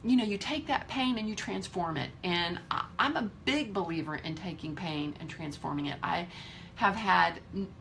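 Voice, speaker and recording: Woman, fifties, lowish voice, bright and forceful tone, blunt motivational vlog talk, swears freely. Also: moderate pace, creaky, a little hiss or hum. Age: 50s. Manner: candid and emphatic, swears freely. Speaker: vlogger.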